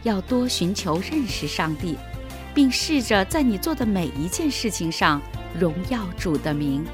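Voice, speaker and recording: A woman's voice: mid-range voice, big pitch swings, measured pace, over music. A woman narrating a scripted children's devotional reading, addressing the children directly.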